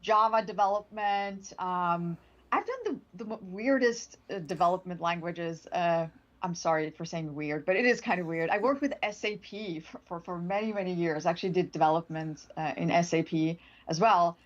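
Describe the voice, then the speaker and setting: Her voice sits on the low side at normal speed, and the audio is dull. This native Swedish speaker from Sweden, a product manager, chats as a livestream interview guest, bubbly and upbeat, with plenty of laughter and restarts.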